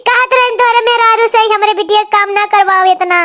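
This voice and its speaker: Anxious older village mother voiced by a woman, shrill pleading tone. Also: steady tone, a little fast, pushed and bright. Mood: anguished. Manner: wailing, pleading. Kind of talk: cartoon voice acting.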